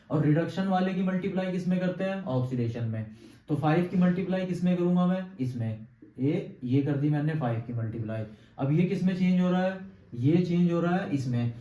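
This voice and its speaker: Male chemistry teacher, highish mellow voice, asks and answers his own questions, distant muffled echoey room. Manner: quizzes students with constant checks like "clear?". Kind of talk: classroom lecture at a board. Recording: echoey room, distant mic, dull sound.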